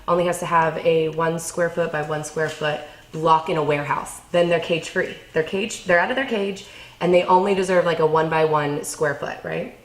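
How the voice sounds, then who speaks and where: Chatty lower-voiced woman in a roomy kitchen. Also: steady tone, normal speed. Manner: chatty, filler-heavy, self-deprecating. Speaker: vlogger. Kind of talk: casual chat while eating. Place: home kitchen.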